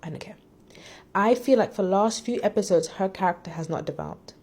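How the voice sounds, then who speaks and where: A woman's voice: mid-range voice, brisk, darkish tone, breathy edge. A woman in casual chat, reviewing a drama in a candid, opinionated and rambling way.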